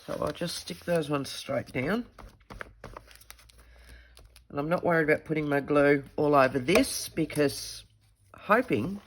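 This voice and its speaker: Her head stuffed up with a cold, a woman chats casually while doing a craft project for her video, talking herself through each step. Her voice sits low, she takes her time and pauses often, and there is a little hiss or hum.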